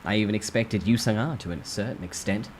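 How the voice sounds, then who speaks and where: A man with a fairly low, darkish voice reads a first-person story dramatically, as a storyteller. He speaks fairly quickly, and faint ambient noise sits behind him.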